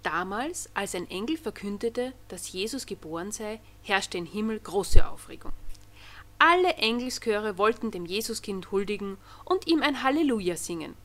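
A woman reading a Christmas storybook aloud in an expressive storytelling manner. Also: medium pitch, moderate pace. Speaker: narrator.

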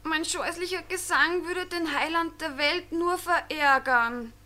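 A woman doing Lukas, a croaky little angel boy. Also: very high-pitched, measured pace, bright, forceful tone, pitched above the performer's own voice, exaggerated voice. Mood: plaintive. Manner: whiny and plaintive. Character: small, worried, sensitive boy angel. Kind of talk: storybook reading.

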